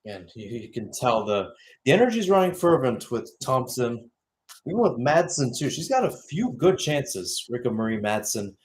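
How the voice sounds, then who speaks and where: With a sing-song, slightly rough medium-pitched voice at a moderate pace, a young man narrates live soccer in radio fashion. He keeps correcting himself and breaking into conversational asides.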